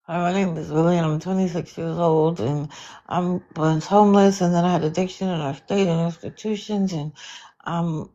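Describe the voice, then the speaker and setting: A woman's voice: lowish voice, moderate pace, dull audio, pitched below the performer's own voice, close to an everyday voice. A woman imitating a rambling young man in his twenties who mumbles and repeats himself without stopping. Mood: droning. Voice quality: mumbling, monotone, repetitive.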